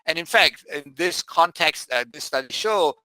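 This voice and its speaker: Bright-voiced man giving a medical lecture. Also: a little high, animated, dry recording, low-quality recording. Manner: measured, with frequent "uh" fillers. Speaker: anesthesiologist lecturer. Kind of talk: medical presentation.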